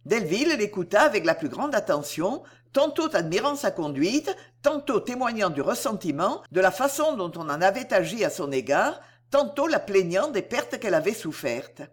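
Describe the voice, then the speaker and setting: A woman narrating a classic novel as an audiobook, in a measured literary reading. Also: medium pitch, sing-song, husky.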